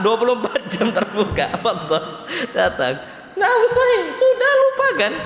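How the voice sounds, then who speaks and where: A male preacher with a Palembang-region Indonesian accent gives a lively sermon, tossing questions to his listeners and answering them himself. His voice sits high, and he moves between quoted Arabic and his own translation of it. The sound carries a long reverb from a large mosque hall. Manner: animated, asks the audience questions and answers them.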